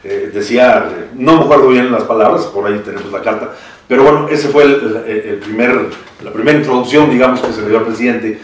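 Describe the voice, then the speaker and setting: A man's voice: mid-range voice, fast talker, a little hiss or hum. A man with a Mexican accent in a panel discussion, talking with many restarts and chuckles. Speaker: citizen council member. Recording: echoey room from far off.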